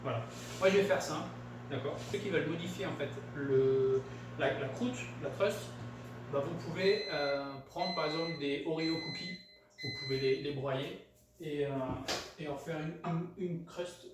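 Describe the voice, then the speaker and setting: A slightly high, slightly slow voice belongs to a French home cook presenting a casual cooking tutorial on his channel, hesitant and constantly restarting or filling pauses. It's recorded far from the mic in a very echoey space with obvious background noise.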